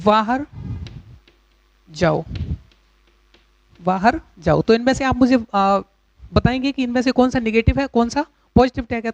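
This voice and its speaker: A man's voice: very high voice, no room sound. Man, grammar teacher, classroom lecture, patient explaining, dull dry recording. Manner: explains slowly with fillers and repeated examples.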